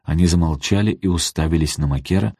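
A man narrating an audiobook in a steady, even reading voice. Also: low-pitched, fast, husky. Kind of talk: scripted narration.

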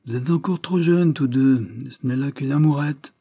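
Gruff old privateer in a storybook, dark and husky, exclaims freely, read by a male narrator. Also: medium pitch, moderate pace, pitched above the performer's own voice, natural voice. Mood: gruff emotional. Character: old male corsair father, gruff and emotional.

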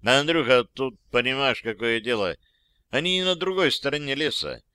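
A man voicing the ghost of a dead comrade who keeps watch, speaking quietly and reassuringly. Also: mid-range voice, expressive, moderate pace, clear, resonant tone, dry recording. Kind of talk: audiobook character voice.

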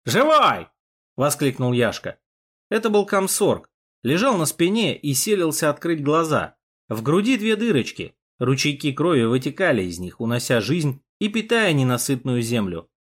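A man narrating a war story in the first person, expressive and dramatic. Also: a little high, moderate pace. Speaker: audiobook narrator.

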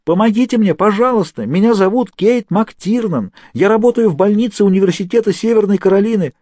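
A man voicing a desperate, defiant young woman held captive, shouting and pleading insistently. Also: fairly high pitch, very animated, very fast, dry recording, clean studio sound, pitched above the performer's own voice. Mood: shouting for help.

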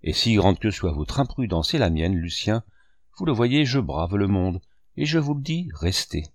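A man's voice: fairly low pitch, sing-song, moderate pace, no room sound, clean studio sound. A man reading a novel aloud, voicing a young woman who is anxious and pleading with emotion.

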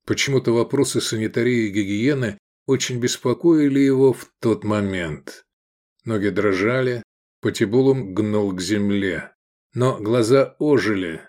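A man narrating an audiobook in a steady, measured reading. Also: lowish voice. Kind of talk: scripted narration.

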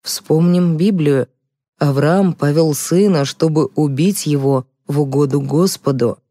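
A woman reads a self-justifying, guilt-ridden male psychologist; low, slow, mumbling. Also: warm tone, no echo, clean studio sound. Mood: stubborn. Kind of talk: audiobook character reading.

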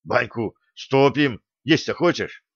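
Grumpy elderly retiree, read by a man: curt grumbles, gruff, dry muffled recording. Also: mid-range voice, lively intonation, takes it slowly, no room sound, full character voice. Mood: curious.

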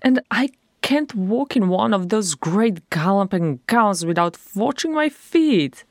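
A woman plays a grumbling dwarf woman, blunt and impetuous, pitching the voice higher and pushing it harder than her narration. She speaks slowly and expressively. The audio is studio quality with no echo.

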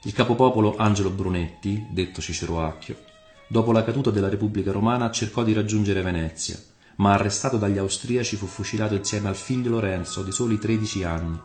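A man narrating a scripted historical story in a measured storytelling manner. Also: fairly low pitch, darkish tone. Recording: roomy room with faint music.

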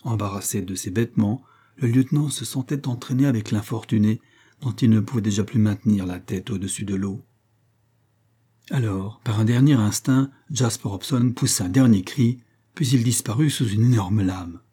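A man giving a measured, dramatic scripted narration of an adventure audiobook. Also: fairly low pitch, dark tone, slightly rough.

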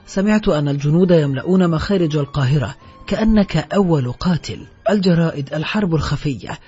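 A man's voice: on the high side, fast, husky. A man narrating a novel, voicing a young woman who pleads in despair. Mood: desperate. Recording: dull audio with soft background music.

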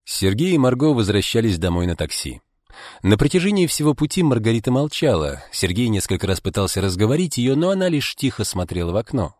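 A man narrating an audiobook in a measured, deliberate, dramatic reading. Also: medium pitch, very animated, a little mellow, no room sound. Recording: dry close studio sound.

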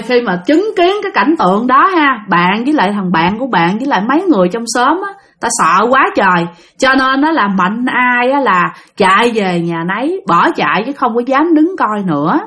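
Woman narrator, Southern Vietnamese accent, fairly high voice, chatty spooky-story telling. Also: a bit bright. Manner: chatty, drawn-out storytelling with many sentence-final particles.

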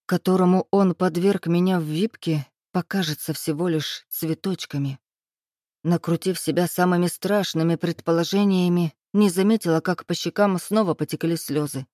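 A woman reading a first-person novel aloud in a steady, even storytelling manner. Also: on the low side, dry recording, studio quality. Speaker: audiobook narrator. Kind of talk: first-person scripted narration.

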